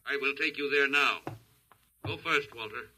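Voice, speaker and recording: An actor playing an emotionless, logical alien captor with stilted, formal phrasing in 1950s radio science-fiction style. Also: male voice, medium pitch, moderate pace, pushed and bright, a little hiss or hum, poor audio. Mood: cold, insistent. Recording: vintage 1950s radio recording.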